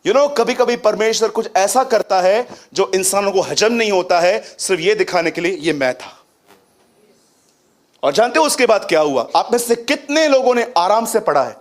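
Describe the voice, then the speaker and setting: High-voiced man preaching a sermon. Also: lively intonation, normal speed, hardly any pauses. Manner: questions the audience and quotes scripture with emphasis.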